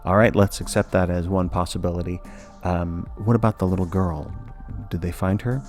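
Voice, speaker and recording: Deep-voiced man narrating a spooky tale. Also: steady tone, a little mellow, soft background music. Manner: measured, wry. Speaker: podcast narrator. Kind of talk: scripted spooky storytelling narration.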